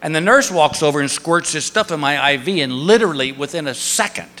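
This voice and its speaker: A man doing stand-up storytelling, acting out the people in his story with sudden high yelps. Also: a little fast, slight background noise. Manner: animated, acts out characters with high yelps. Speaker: stand-up comedian. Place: live stage before an audience. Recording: live hall with crowd laughter.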